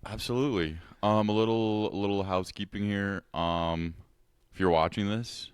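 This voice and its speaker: A man co-hosting a podcast in teasing, easy banter. His voice sits very low, smooth and resonant. The recording is close and dry. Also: steady tone, normal speed, dry recording. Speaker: podcast co-host. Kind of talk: casual chat.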